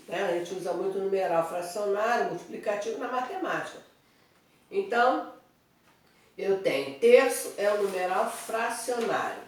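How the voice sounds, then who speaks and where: A woman teaching Portuguese grammar in an online review lesson, explaining step by step and checking in with her students. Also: medium pitch. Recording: very echoey room, voice from a distance.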